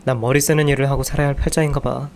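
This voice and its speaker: A man's voice: mid-range voice, level tone, very fast, a little mellow, slight background noise, close to an everyday voice. A man voicing a whiny young husband who grumbles about every hard job. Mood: grumbling. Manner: sulky, complaining.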